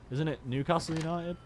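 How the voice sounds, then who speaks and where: A man from Stoke-on-Trent, England, with a local accent, rambles casually and is easily amused while streaming a video game. His voice is fairly high-pitched, with a little hiss or hum in the recording.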